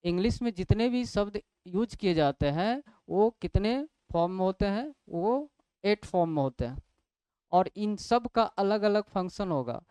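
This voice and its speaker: A man's voice: sits high, lively intonation, normal speed, warm tone, clear, resonant tone, no room sound. A man teaching English grammar in a classroom lecture, asking questions and answering them himself step by step. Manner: explains step by step, asks and answers his own questions.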